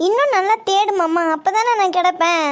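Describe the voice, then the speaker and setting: A woman voicing a missing young wife who teases her husband gently and playfully from far away. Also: very high voice, fairly quick. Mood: teasing. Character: missing young wife, teasing, heard as a faraway voice.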